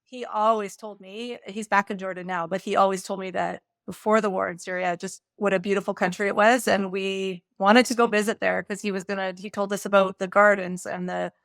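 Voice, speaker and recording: A woman's voice: medium pitch, fairly quick, vocal fry, hardly any pauses, dry recording. Chatty woman podcast host, dry sound. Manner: chatty, lively, thinks aloud with restarts. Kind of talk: casual interview chat.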